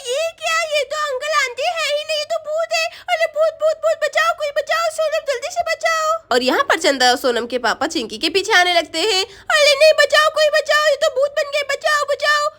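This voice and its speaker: A woman voicing a chatty young schoolgirl doll friend who talks in quick, lively exclamations. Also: extremely high pitch, a little hiss or hum, pitched above the performer's own voice. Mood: terrified. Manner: chatty, then shrieking for help.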